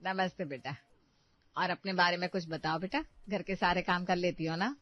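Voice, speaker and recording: A woman's voice: lowish voice, fairly even intonation, moderate pace, natural voice. A woman voicing a traditional middle-aged mother-in-law who lectures firmly. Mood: lecturing. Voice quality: firm, lecturing. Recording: dry, slightly dull recording.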